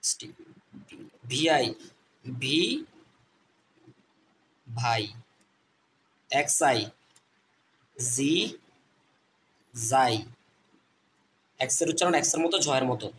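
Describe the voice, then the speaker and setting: A man teaching English reading online, repeating letter sounds slowly and addressing viewers as friends. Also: medium pitch, a bit bright, a little hiss or hum. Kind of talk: phonics lesson.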